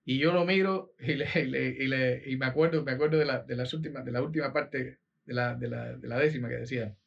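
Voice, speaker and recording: A Cuban man with a Cuban Spanish accent, a guest telling stories in an interview, animated and laughing often with many fillers. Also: mid-range voice, a little fast, vocal fry. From Cuba. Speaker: guest, improvising poet and musician. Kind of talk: storytelling interview chat. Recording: dull lo-fi sound.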